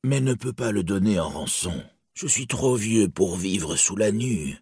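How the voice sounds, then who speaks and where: A man's voice: fairly low pitch, animated, measured pace, a little mellow, breathy edge, no echo, clean studio sound, full character voice. A man voicing an old, poor male dwarf who pleads for his life and speaks of himself by name. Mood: frightened.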